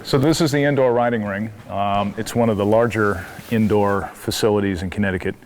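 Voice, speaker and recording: A man's voice: fairly low pitch, steady tone, fairly quick. A man, a property developer, giving a casual sales tour of a site. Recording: location sound, some ambient noise.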